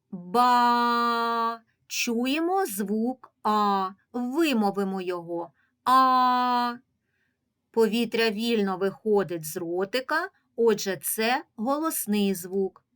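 A woman teacher speaks slowly and patiently to young children in an early reading lesson. She stretches and over-articulates each syllable and sound so the little ones can follow, in a voice of middle pitch. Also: animated.

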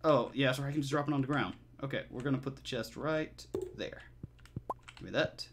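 A man's voice: medium pitch, a little fast, background noise. A man giving casual let's play commentary, laid-back and muttering to himself in short phrases. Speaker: video game player and commentator.

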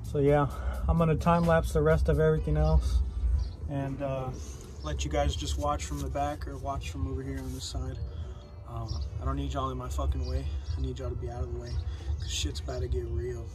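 A man's voice: mid-range voice, level tone, a little fast, music in the background. A man in his twenties chatting casually to camera in a slangy, sweary way while lying under a truck. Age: 20s. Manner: swaggering, slangy, heavy swearing. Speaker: DIY car repair vlogger. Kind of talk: casual vlog chat to camera. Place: under a truck at a home garage.

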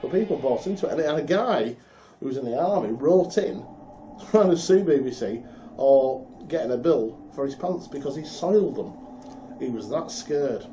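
Lively middle-aged British man telling a story. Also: mid-range voice, moderate pace, a little hiss or hum. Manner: animated storytelling with laughs. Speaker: podcast co-host. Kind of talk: casual chat.

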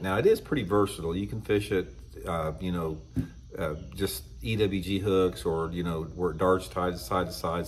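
Host, man, 50s, deep voice, blunt and opinionated, casual webcam talk from a tackle room. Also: a little hiss or hum. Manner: blunt, opinionated, clears throat often. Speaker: fishing channel host. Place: indoor room with shelves of tackle.

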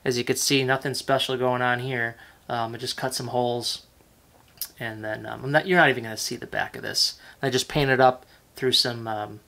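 A man casually talking through a hands-on model-building tutorial at his workbench, relaxed and chatty with lots of fillers. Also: medium pitch, normal speed, vocal fry. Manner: relaxed and chatty, many fillers, self-correcting. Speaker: model railroad hobbyist host. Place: workbench indoors, off camera.

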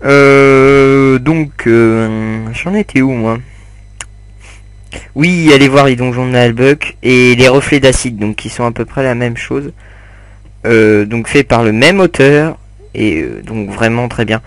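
Speaking slowly in a mid-range voice with no echo, a young gamer narrates his play. His commentary is loose and rambling, packed with fillers and side remarks aimed at his viewers.

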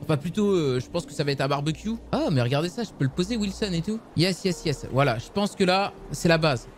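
A young man casually commenting on a survival game for his viewers, excitable and swearing often. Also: fairly high pitch, quick pace, slight background noise. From France. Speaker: gaming youtuber.

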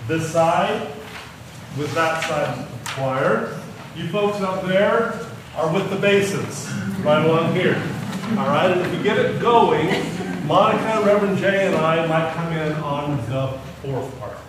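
Echoey, distant man, unhurried and higher-pitched. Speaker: church music director. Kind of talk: informal spoken instructions to congregation. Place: large church sanctuary among pews. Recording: very echoey, distant, loud room noise.

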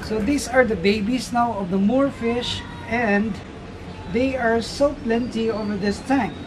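Over music, a middle-aged Filipino man with a very high, steady voice talks a little slowly as he tours an outdoor fish farm for his vlog. His casual narration explains fish breeding and addresses the audience as "guys."

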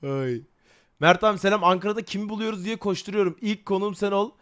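A man's voice: high-pitched, fast, fairly bright tone. A male vlogger talking to camera in a joking, exasperated way. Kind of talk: vlog commentary to camera.

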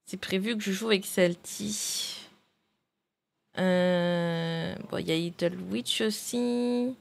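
A woman streaming live, talking loosely and thinking aloud while she sorts out her games. Her pitch sits in a middle range, and she chats to viewers in an easy, rambling way. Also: slow pace, gravelly. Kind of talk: casual live-stream chat.

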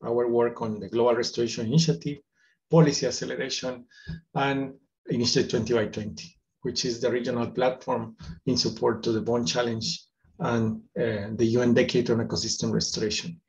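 Guatemalan man, measured webcam talk. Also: mid-range voice, steady tone, darkish tone, dull audio, a little hiss or hum. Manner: measured, with frequent fillers and restarts. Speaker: forest engineer and economist. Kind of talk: recorded video talk. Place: indoors, virtual background.

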